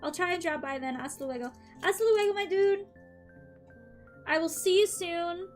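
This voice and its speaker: With faint music behind her, a young streamer in a very high voice chats with viewers between tarot readings at a moderate pace. Her throat is a bit dry, and she stays upbeat and chatty, sprinkling in "um"s and light laughs.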